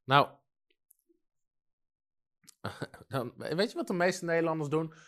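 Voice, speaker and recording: A man's voice: fairly high pitch, slow, slight background noise. A man preaching a sermon in a studio, telling stories and acting out the voices of the people in them. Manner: lively storytelling, acts out quoted voices.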